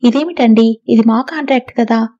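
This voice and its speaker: A woman's voice: a little high, moderate pace, warm tone, no echo, muffled recording, natural voice. A woman voicing Medha, a young working wife and mother who speaks plainly and earnestly, in an audiobook reading.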